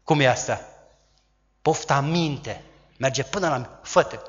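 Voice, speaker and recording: A man preaching a sermon, who acts out quoted voices loudly and dramatically. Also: mid-range voice, lo-fi sound, a little hiss or hum. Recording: long hall reverb.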